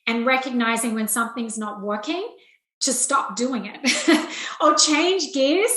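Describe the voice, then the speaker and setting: Here a middle-aged Australian-accented woman, raised in rural Australia and now an investment banking executive, is interviewed and answers in a straightforward, candid way. She talks at a measured pace in a fairly high, fairly bright voice. The audio has a roomy, echoing quality.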